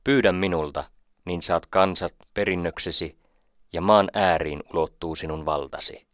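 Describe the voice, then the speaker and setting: A man with a very low voice reads scripture in a slow, measured, solemn way. The sound is dry and close, with no room around it. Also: no echo. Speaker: scripture reader. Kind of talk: scripted Bible reading.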